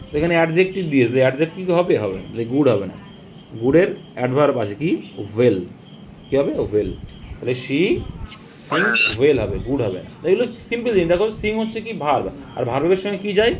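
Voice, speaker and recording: A man teaching English grammar, asking questions and answering them himself, and reading example sentences out slowly. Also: on the high side, very animated. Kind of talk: spoken grammar lesson. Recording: dull lo-fi audio with faint hiss.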